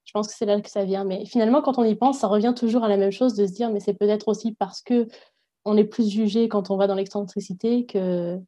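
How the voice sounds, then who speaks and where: A woman from France speaks as an interview guest in a mellow, soft-toned voice. She thinks aloud, pausing and restarting as she weighs her words, at a middle pitch. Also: steady tone. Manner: reflective, thinks aloud with hesitations. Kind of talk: casual interview.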